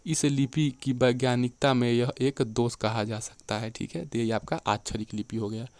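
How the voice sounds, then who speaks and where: A male teacher talks through an exam-prep lecture at a middle pitch, often checking in with his students. His voice is recorded close and dry, with no room sound. He slows down to read definitions and examples aloud. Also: level tone, a little mellow, dry recording. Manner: keeps checking in with "theek hai" and "dekhiye".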